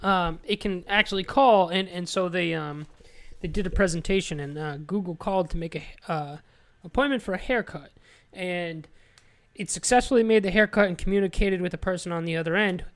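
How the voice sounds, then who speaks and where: A man's voice: high voice, brisk, a bit bright. Rambling, earnest young man. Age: young adult. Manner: rambling, earnest, restarts his thoughts often. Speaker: podcast co-host. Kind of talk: casual chat.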